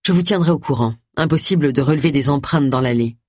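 A reader voicing a calm, firm male police detective in an audiobook. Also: mid-range voice, fast, no echo, studio quality, close to an everyday voice.

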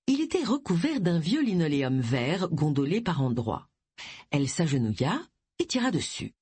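A woman narrating a novel aloud in an expressive storytelling manner. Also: deep voice, moderate pace, breathy edge, dry recording. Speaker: audiobook narrator.

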